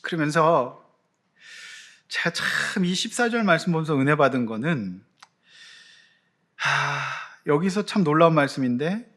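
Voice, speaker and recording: A man preaching a Sunday sermon as pastor, animated, with sudden loud swells. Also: fairly high pitch.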